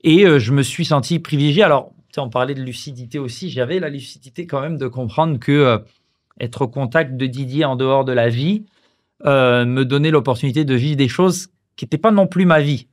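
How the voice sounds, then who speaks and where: In a relaxed podcast interview, a former footballer from France, in his thirties, reflects on how his career went. He speaks in a mid-range voice with frequent pauses, hesitations, and restarts.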